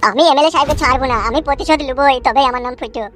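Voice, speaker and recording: A woman's voice: sits high, racing, a bit bright, soft background music, pitched below the performer's own voice. A woman voicing a hot-headed young man who swears and vows revenge, in a comedy cartoon. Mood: vengeful. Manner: fierce, swearing threats.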